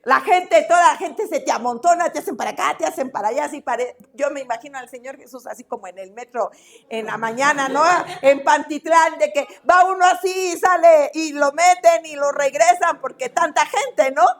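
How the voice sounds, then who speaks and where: A woman teaching a church Bible class in a lively way, asking the class questions and acting out quotes. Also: high-pitched, normal speed. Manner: animated, asks the class questions, acts out quotes.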